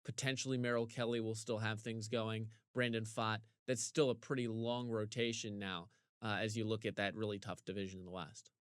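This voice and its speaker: A man co-hosting a casual sports podcast, ranting animatedly with big jumps in pitch, his voice getting a little hoarse. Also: little pitch movement, a little fast, no room sound, clean studio sound. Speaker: podcast co-host.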